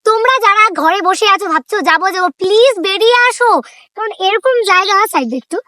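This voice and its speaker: Very high-voiced, quick-talking woman. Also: sharp tone, no echo, clean studio sound. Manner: quick, offhand, corrects her friend. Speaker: vlogger's travel companion. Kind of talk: casual chat. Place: outdoors on a hillside.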